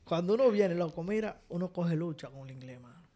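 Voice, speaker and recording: Man, Dominican Spanish accent, high-pitched, casual comic storytelling, animated. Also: a little fast. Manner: animated, laughs through his stories. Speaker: podcast co-host.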